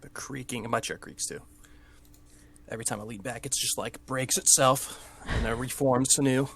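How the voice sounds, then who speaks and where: A man's voice: medium pitch, fairly even intonation, moderate pace, vocal fry, a bit bright, husky. A man chatting casually as a stream guest, modest and easygoing. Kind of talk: casual chat.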